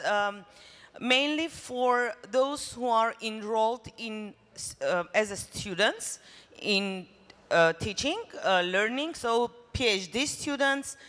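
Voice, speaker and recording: A woman's voice: a little high, a bit bright. A woman from Armenia presenting at a conference in English, friendly and speaking directly to the audience. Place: conference hall. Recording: reverberant hall.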